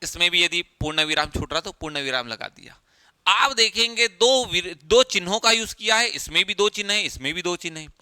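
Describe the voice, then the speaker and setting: A man's voice: sits high, animated, fairly quick, pushed and bright, smooth, no echo. A male teacher, giving an exam-prep lecture who explains step by step, repeats key phrases and asks rhetorical questions.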